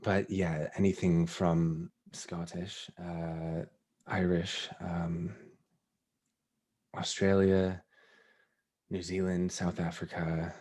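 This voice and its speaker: A man being interviewed about his voice acting, talking in a relaxed, thoughtful way and laughing easily. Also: low-pitched, drawn-out words, pauses often. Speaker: voice actor guest. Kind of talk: casual interview chat.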